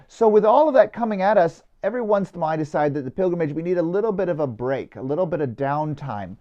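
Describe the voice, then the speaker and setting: Priest telling a story in a homily. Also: male voice, on the high side, dark tone, highs cut off. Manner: conversational, with filler "uh" and restarts.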